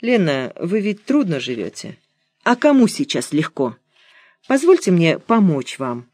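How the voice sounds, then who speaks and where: A woman reading an audiobook, voicing a calm, wry male private detective in a measured, soft tone. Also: fairly low pitch, no room sound, studio quality.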